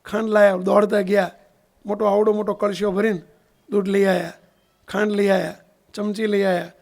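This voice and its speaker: Swami preacher, man, storytelling sermon, checks the crowd often, raspy creaky edge. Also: sits high, level tone, normal speed, a little mellow. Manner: keeps asking the listeners "understood?"; acts out the voices of people in his stories. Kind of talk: sermon storytelling in a Gujarati satsang.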